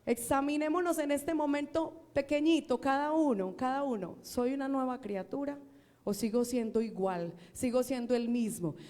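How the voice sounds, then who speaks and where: A woman's voice: high-pitched, moderate pace, warm tone. An older woman with a Colombian accent preaching a sermon to a congregation, earnest, repeating phrases for emphasis and asking the congregation questions. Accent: Colombian Spanish. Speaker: church sister preaching. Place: church hall. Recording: long reverb of a church hall.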